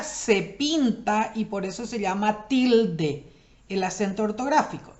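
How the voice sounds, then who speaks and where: A woman teaching a recorded grammar lesson, explaining step by step, asking questions and answering them herself, and slowing down to spell out example words. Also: fairly high pitch, darkish tone. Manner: explanatory, asks and answers her own questions.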